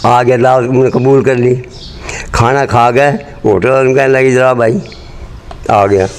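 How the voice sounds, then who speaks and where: The clip, marked by clear location noise, has an interviewee in his 80s or older reminiscing about pre-partition Rohtak, Haryana, where he lived before migrating at partition. His Haryanvi-accented storytelling is blunt, earthy and wandering, in a steady, medium-pitched voice that runs a little slow.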